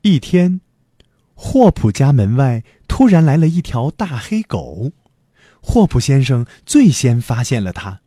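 A man reads a children's picture book aloud, and his voice leaps up and down very expressively. His tone is mellow and a little husky. The recording is close and dry, with no room echo. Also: mid-range voice, a little slow. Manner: lively, warm storyteller's delivery. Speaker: storyteller. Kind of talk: children's story reading.

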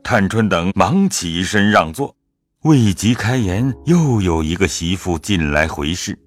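A deep, husky male narrator telling a classical tale in an audio drama. His voice rises and falls with expression, and soft music plays beneath it. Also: animated, measured pace. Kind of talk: scripted storytelling narration.

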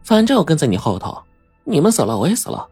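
A man voicing a sharp-tongued, quick-tempered young woman in an audiobook, scolding and switching suddenly from sweet to fierce. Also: mid-range voice, lively intonation, breathy edge, no echo, soft background music, voice pushed up. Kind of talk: audiobook character voice.

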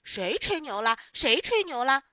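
A woman's voice: mid-range voice, sing-song, normal speed, bright, forceful tone, dry recording, studio quality. A woman voicing an eager, boastful little village boy in a children's storybook.

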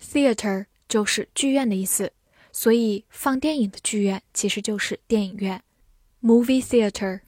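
A woman teaching English vocabulary, drilling words and spelling them out slowly and carefully. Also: mid-range voice, darkish tone, no echo, studio quality. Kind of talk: vocabulary lesson.

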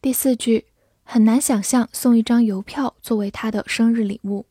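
A woman teacher reading out an English word list, saying each word twice and giving its meanings in an even recitation. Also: a little high, normal speed, husky, no echo. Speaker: vocabulary teacher.

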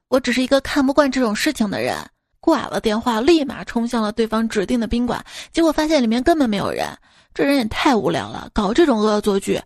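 A woman's voice: on the high side, darkish tone, no room sound, studio quality. A woman hosting a radio joke segment, reading one short gag after another and raising her voice for the quoted characters. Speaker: radio host telling jokes.

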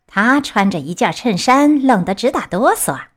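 A crafty fox speaks with smooth, oily politeness and a lively, rising lilt, as a woman reading a storybook puts him on. He flatters while he schemes. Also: fairly high pitch, moderate pace. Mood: sly. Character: sly scheming male fox.

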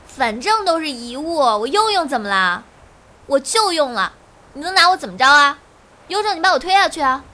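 A woman's voice: high-pitched, sing-song, normal speed, sharp tone, full character voice. A woman playing a dramatic young woman set on jumping, petulant and provoking, in a comic audio drama. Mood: defiant.

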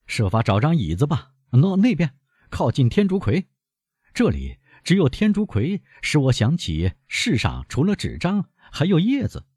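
A man's voice: on the high side, wildly swooping pitch, normal speed, darkish tone, husky, dry recording, studio quality, pitched above the performer's own voice, full character voice. A man reading an audiobook, voicing a genial, talkative male newspaper journalist. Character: affable male newspaper journalist, amiable then proud. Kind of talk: audiobook character voice.

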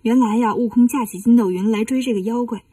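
A woman narrating a classic tale for children, gentle and explaining. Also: fairly high pitch, fast talker, slightly rough, dry recording, far from the mic. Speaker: children's storyteller.

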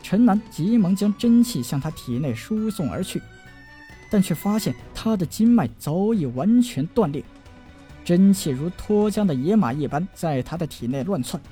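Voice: medium pitch, lively intonation, warm tone, soft background music. 情绪饱满的有声书说书人. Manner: emotive storytelling with drawn-out endings. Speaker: narrator. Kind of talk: dramatic audiobook narration.

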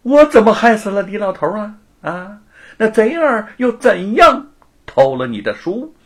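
A man voicing a gloating, sneering young rich lord who taunts and cackles in a high, shrill voice. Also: big pitch swings, measured pace, fairly bright tone, full character voice. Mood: mocking.

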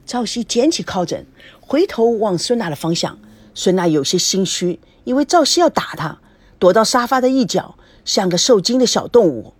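A woman reading a romance story aloud with expressive narration. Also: medium pitch, normal speed, breathy edge, no echo.

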